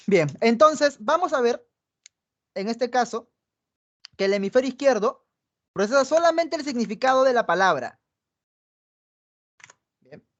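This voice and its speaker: A woman with a Peruvian Spanish accent teaching a pre-university psychology class online, explaining step by step and checking in with her students after nearly every point. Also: fairly high pitch. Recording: dull lo-fi online class audio.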